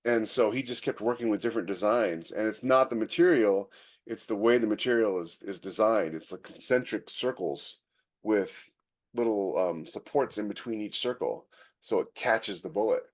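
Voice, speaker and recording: A podcast co-host with a fairly low voice chats casually about technology at a moderate pace, thinking aloud in an informal conversation.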